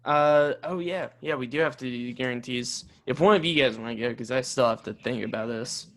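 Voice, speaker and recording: A man co-hosting a casual sports podcast, talking emphatically and reacting with quick disbelief. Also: medium pitch. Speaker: podcast co-host.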